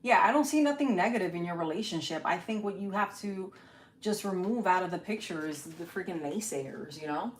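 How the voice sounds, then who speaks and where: A woman's voice: on the low side, lively intonation, brisk. Woman, tarot reader on a live stream: casual, chatty, swears and laughs freely. Faint noise behind. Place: home setup, newly moved.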